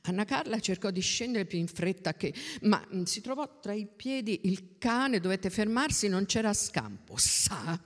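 A reader narrating a novel in an expressive, unhurried manner. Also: mid-range voice. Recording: long reverb.

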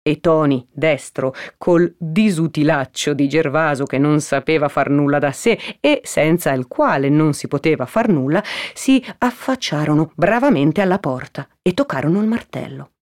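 A woman's voice: low-pitched, lively intonation, normal speed, hardly any pauses, darkish tone. Woman reading a classic novel aloud. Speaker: narrator.

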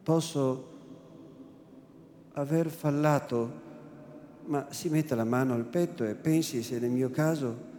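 A man voicing an angry, stubborn young village man who demands answers in a low, forceful voice, in an echoey room. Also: slow pace, long pauses, a little hiss or hum, natural voice. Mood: angry demanding. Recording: echoey room, faint ambience.

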